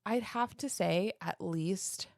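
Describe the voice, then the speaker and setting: A woman's voice: medium pitch, takes it slowly, gravelly, darkish tone, no room sound, studio quality. A woman in her thirties co-hosting a podcast, telling a childhood story in casual, self-mocking chat with plenty of swearing. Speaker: podcast co-host.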